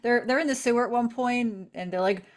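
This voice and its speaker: A woman in her thirties co-hosting a casual studio podcast, giggly and animated. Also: on the high side, brisk. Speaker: podcast co-host. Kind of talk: casual chat.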